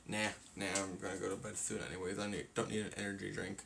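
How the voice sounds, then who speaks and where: A man's voice: sits low, little pitch movement, fast talker, vocal fry, a bit bright, slight background noise. A man casually chatting on a live stream, sleepy and yawning, rambling through his plans with lots of fillers. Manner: rambling, filler-heavy, tired.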